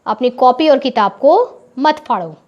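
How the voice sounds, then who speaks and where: A woman teacher explaining classroom English to children in Hindi, saying each English phrase slowly and clearly. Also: sits high, animated, a little mellow. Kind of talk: spoken English lesson for children. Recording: dull, lo-fi recording.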